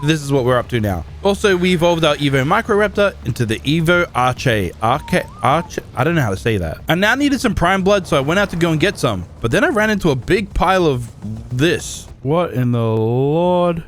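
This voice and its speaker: Excitable young man narrating gameplay. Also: fairly high pitch, fast talker, a little hiss or hum. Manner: lively and excitable, with sudden exclamations. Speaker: gaming YouTuber. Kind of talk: narrated gameplay recap with live reactions.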